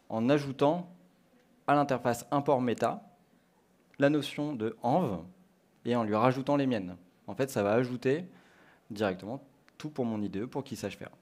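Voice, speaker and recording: On a conference stage, a Frenchman with a medium-pitched, slightly mellow voice gives a talk, guiding the audience through a live coding demo and thinking aloud one step at a time.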